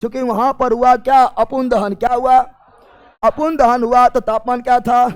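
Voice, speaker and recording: A man's voice: very high-pitched, fairly even intonation, moderate pace, clean tone, dull audio. A man teaching a chemistry class, drilling students with repeated call-and-response questions and often raising his voice.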